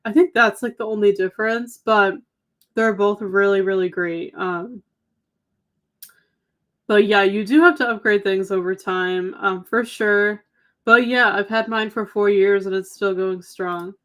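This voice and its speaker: A woman's voice: mid-range voice, steady tone, measured pace, fairly bright tone. A young adult woman co-hosting a reading livestream, chatting casually with viewers, with a lot of "um" and "like," her voice slightly worn. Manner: chatty, lots of "um" and "like". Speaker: livestream co-host.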